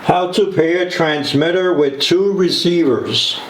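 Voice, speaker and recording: A product demonstrator walks through an item step by step in a casual, instructional manner. His voice is a little high, animated, and slow, captured in an echoey room with faint noise.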